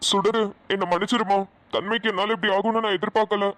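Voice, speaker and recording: A woman voicing a quick-tempered middle-aged father in a cartoon, speaking with a Kongu Tamil accent, firm at first and later apologetic. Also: medium pitch, steady tone, fairly bright tone, dry recording, close to an everyday voice. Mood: remorseful. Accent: Kongu Tamil (Namakkal). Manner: gruff, then remorseful and pleading. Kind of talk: cartoon voice acting.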